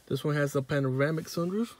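A man's voice: a little high, fast talker. Man filming a car walkaround on a phone. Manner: relaxed, offhand, talks to viewers directly. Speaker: car salesman showing a new car. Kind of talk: casual walkaround video. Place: outdoor car dealership lot and inside a car. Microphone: phone held in hand while filming.

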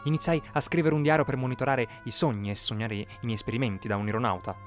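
A man's voice: mid-range voice, fairly even intonation, quick pace. A man narrating a first-person horror story with tense, dramatic delivery. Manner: tense storytelling, bursts of shouting in quoted lines. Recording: music bed behind the voice. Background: music.

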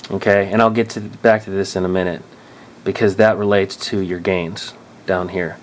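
A man's voice: sits low, little pitch movement, normal speed, slight background noise. A man explaining drone control settings in a casual tutorial, thinking aloud and often restarting or correcting himself. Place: indoors at a table.

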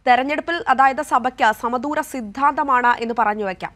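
A woman's voice: high voice, brisk, a bit bright. A young woman in her twenties reading the news and handing over to a reporter in a TV studio. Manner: clear formal delivery. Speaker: news anchor.

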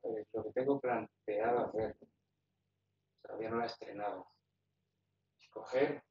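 Handling his kayak fishing gear, a man explains his rigging step by step, speaking casually and in fits and starts. His pitch is fairly low, his intonation fairly even, and he goes a bit slowly. A phone camera held in hand captures him at a distance in a garage with a roll-up door, leaving the audio echoey, dull, and noisy.

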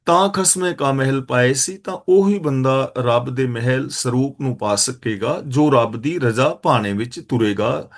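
A male preacher from Punjab gives a scripture talk. He chants each verse at an unhurried pace, then breaks it down in everyday speech. His voice sits at an ordinary middle pitch for a man. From Punjab, India. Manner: recites verses slowly, then explains in plain words. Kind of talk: line-by-line scripture exposition.

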